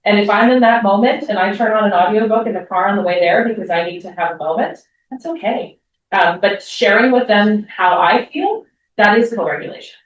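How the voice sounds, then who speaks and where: A woman's voice: medium pitch, fairly quick, muffled recording, a little hiss or hum. A woman presenting to parents at a school meeting. She talks conversationally, with frequent ums and restarts. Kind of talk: parent talk. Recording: echoey room, voice from far off.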